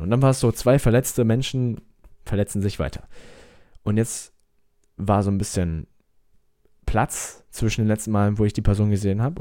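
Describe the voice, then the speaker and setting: Tiefer Coach mit amerikanisch gefärbtem Deutsch. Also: male voice, lowish voice, dark tone, no echo, clean studio sound. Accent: American-tinged German. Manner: emphatic, repeats himself, direct address. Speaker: self-help coach. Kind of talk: motivational talk to viewers.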